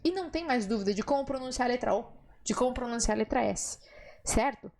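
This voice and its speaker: A woman teaching an online Spanish pronunciation lesson, lively and encouraging, slowing down to model words. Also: fairly high pitch, gravelly.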